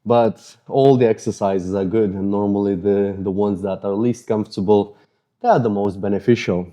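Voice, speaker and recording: Still sweaty after training, this Eastern European-accented fitness coach talks through a follow-along mobility routine and pokes fun at his own stiff muscles. His voice sits on the low side and moves at a normal speed. The tone stays easygoing, self-mocking, and relaxed.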